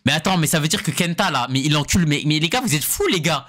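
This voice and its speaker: A man giving excited, slangy, sweary live reaction commentary as a streamer, repeating words for emphasis. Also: fairly high pitch, fast talker. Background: anime episode audio and music.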